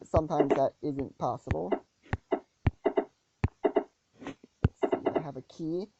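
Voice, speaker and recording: Low-pitched woman explaining a game, lots of ums, muffled lo-fi sound. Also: moderate pace, gravelly. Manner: hesitant, many ums and restarts. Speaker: gaming channel host. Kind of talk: casual gameplay walkthrough. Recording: dull lo-fi audio with loud noise.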